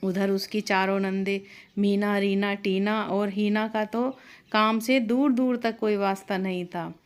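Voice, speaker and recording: A woman narrating a scripted family story in a steady, plain storytelling manner. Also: medium pitch, unhurried, clean tone.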